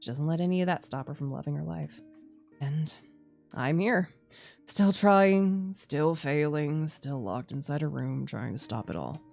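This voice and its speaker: A woman's voice: low-pitched, a little slow, vocal fry, darkish tone, soft background music, exaggerated voice. A woman voicing a weary, anguished male doctor in a visual novel, tender and self-blaming, with a subdued, heavy-hearted delivery. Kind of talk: visual novel dialogue reading.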